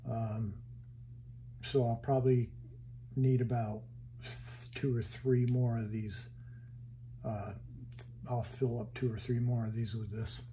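A man casually walking through his hobby wiring build in a home workshop, halting and thinking aloud as he handles parts. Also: mid-range voice, level tone, mellow, a little hiss or hum.

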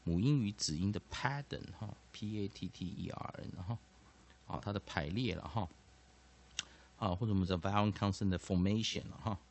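A man's voice: on the low side, moderate pace, gravelly. A man teaching English pronunciation, padding his sentences with filler particles and repeating each point. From Taiwan. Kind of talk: explanatory lesson.

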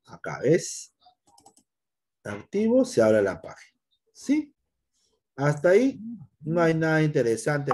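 Teacher guy talking straight to his student, middle-aged, really lively up and down voice. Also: medium pitch. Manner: talks straight to one student, acts out pupils' fears. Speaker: computer teacher. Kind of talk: recorded class lesson.

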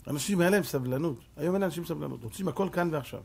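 A middle-aged man, a rabbi, giving a Torah lesson as an animated storyteller who acts out voices. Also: on the high side, creaky, a little hiss or hum.

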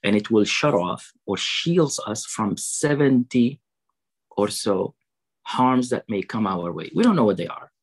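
A man giving a fundraising sermon over a video call. He quotes Arabic sayings, then translates and explains them slowly. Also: on the low side, lively intonation, husky, rough recording. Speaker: preacher at a fundraiser.

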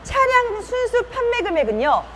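A woman with a very high, lively voice gives a slick live car sales pitch. She stresses and repeats her selling points emphatically. There is clear noise behind her. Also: moderate pace. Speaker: used car dealer, live sales presenter.

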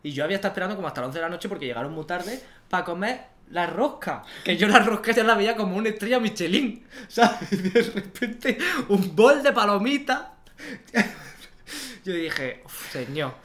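This animated Andalusian co-host, a young adult from Almería, Spain, chats casually through anecdotes, frequently laughing and acting out what people said. His male voice is high-pitched and moves at a normal speed. The recording takes place at a desk in a small studio, captured by a stand-mounted desk microphone.

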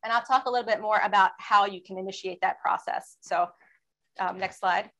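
A woman speaking as a panelist in a webinar presentation, explaining in a steady way and asking for slide changes. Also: medium pitch, fairly quick, gravelly, rough recording. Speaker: federal law enforcement panelist.

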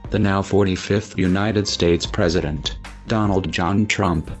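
A man's voice, disguised and pitched down by a voice changer until it sounds very deep. He reads a scripted anonymous statement in a steady, grave, accusing tone. Faint music plays underneath. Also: measured pace. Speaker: anonymous narrator.

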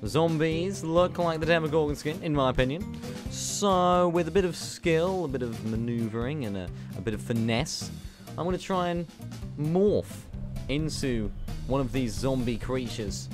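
A young man giving excitable, giggly commentary over his own gameplay, talking to himself as he plays. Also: on the high side, normal speed, over music. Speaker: gaming YouTuber.

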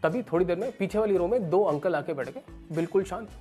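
A man in his thirties performs stand-up storytelling straight to the camera in a small indoor room. He tells it with animated energy, slipping into other people's voices. Faint music sits quietly underneath. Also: high-pitched, fast talker. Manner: animated, acts out characters with raised voice. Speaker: stand-up comedian.

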